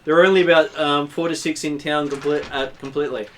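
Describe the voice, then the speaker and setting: A man narrating a tabletop game as game master, improvising descriptions in halting pieces. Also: a little high, fairly even intonation, a bit bright, a little hiss or hum.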